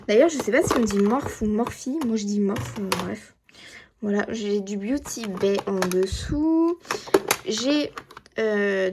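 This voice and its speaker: A woman's voice: mid-range voice, noisy background. A woman vlogging from home at her dressing table, showing her things in a chatty show-and-tell way with lots of fillers. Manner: chatty, many fillers and "voilà". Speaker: beauty vlogger. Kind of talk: casual show-and-tell vlog. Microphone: camera or phone filming close.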